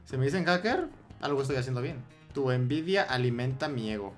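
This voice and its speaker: Excitable Mexican gamer, swearing in bursts. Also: male voice, mid-range voice, music in the background. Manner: excitable, swearing, repeats words in rapid bursts. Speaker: Minecraft gameplay YouTuber. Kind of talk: gameplay commentary.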